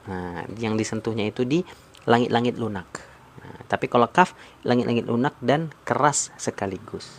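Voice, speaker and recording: A man's voice: medium pitch, normal speed, a little hiss or hum. A man teaching Quran recitation rules on a live stream, repeating points and quizzing his viewers. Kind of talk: live-stream tajwid lesson.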